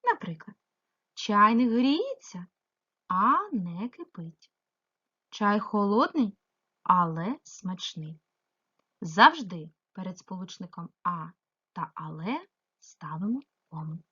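A female primary school teacher giving a remote grammar lesson, asking the pupil questions and answering them herself, stretching example words slowly. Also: medium pitch, big pitch swings, sharp tone, breathy edge, highs cut off. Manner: slow, sing-song emphasis on example words; addresses the pupil directly, asks and answers herself.

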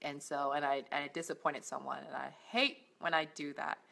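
A woman's voice: low voice, fairly even intonation, normal speed, vocal fry, sharp tone. A middle-aged woman, a life coach, giving earnest, encouraging faith-based talk to camera at home, with many fillers and restarts. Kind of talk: faith-based motivational vlog. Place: indoors at home, on a couch.

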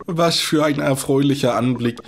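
A man's voice: medium pitch, normal speed, a little hiss or hum, close to an everyday voice. A man voicing a nervous, chatty middle-aged quack doctor, reading game dialogue aloud in a rambling, pleading way. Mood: fussy, chatty.

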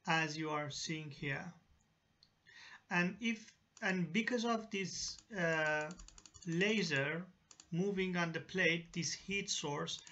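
Slow, high-pitched halting tutorial voice. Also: male voice, sharp tone. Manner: halting, many fillers and restarts. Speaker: engineering software tutor. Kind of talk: screen-recorded software tutorial. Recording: dull lo-fi voice-over.

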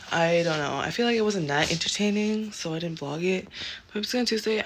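A woman's voice: fairly low pitch, a bit bright, a little hiss or hum. A young woman talking casually to her phone as a vlogger, rambling and chatty, often saying "bro" and "oh my god.". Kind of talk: casual vlog narration. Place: indoors at home, sometimes stepping outside.

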